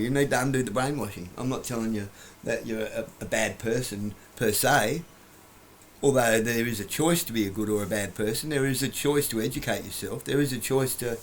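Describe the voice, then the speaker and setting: There's slight background noise as a vlogger, seated on his couch at home, lectures bluntly in a medium-pitched voice at a moderate pace. He rambles on in monologue, breaking off mid-word and laughing at himself.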